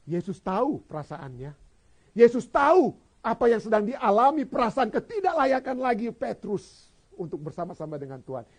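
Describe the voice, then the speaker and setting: Husky high-voiced male pastor preaching. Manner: dramatic, swings from hushed to loud, many rhetorical questions; switches between two languages mid-sentence. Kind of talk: sermon.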